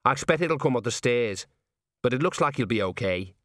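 A man's voice: mid-range voice, expressive, fairly quick, fairly bright tone, no echo, clean studio sound, close to an everyday voice. A man voicing a tiny, cocky male gnome rat catcher, breezy and matter-of-fact. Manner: cheerful, matter-of-fact, laconic.

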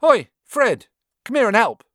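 A man's voice: big pitch swings, measured pace, a bit bright, no echo, studio quality, full character voice. Man alternating two voices as cheeky twin boys. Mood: excited, curious. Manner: bouncy, mocking, high-pitched. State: alternating two voices as the twins trade lines. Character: two cheeky red-haired teenage twin boys, teasing. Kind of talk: audiobook character voices.

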